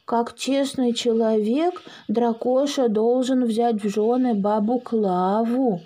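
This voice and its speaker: A woman voicing an earnest little male dragon who speaks slowly and solemnly. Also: fairly high pitch, steady tone, warm tone. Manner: slow, solemn, deliberate speech. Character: small earnest green young dragon, male.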